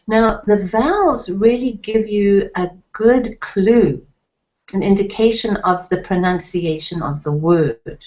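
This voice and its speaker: A woman's voice: on the low side, darkish tone. A middle-aged woman teaching a Hebrew lesson, patiently spelling out letters and sounds. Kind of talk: slow, deliberate online lesson. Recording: dull lo-fi recording.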